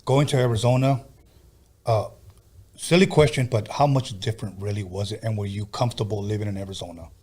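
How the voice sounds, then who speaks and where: Male interview host, husky, laid-back storyteller who slips into Spanish. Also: fairly low pitch, brisk, darkish tone. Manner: storytelling, drops Spanish words. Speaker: podcast host. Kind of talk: casual interview chat.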